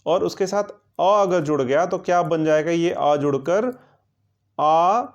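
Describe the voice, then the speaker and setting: A man coaches students for an exam with a grammar lesson, asking questions, answering them himself, and repeating words slowly as drills. His pitch is fairly high, and the recording sounds muffled.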